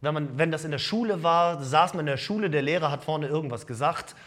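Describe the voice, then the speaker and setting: A male pastor preaching a sermon, swinging from loud emphatic lines to hushed asides. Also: fairly high pitch, fast talker.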